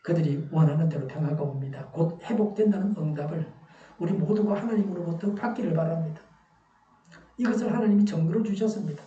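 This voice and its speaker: A male pastor delivers a sermon through a face mask. His voice is very dark and muffled, captured from a distance in an echoey room. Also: a little high, a little fast. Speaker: pastor preaching a Sunday sermon. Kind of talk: sermon with scripture exposition. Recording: dull, echoey, distant church recording.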